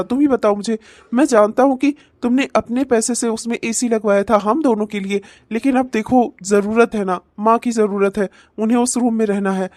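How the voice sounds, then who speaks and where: Woman voicing a gentle pleading young husband. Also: fairly high pitch, no echo, close to an everyday voice. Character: soft-spoken young husband, torn and pleading.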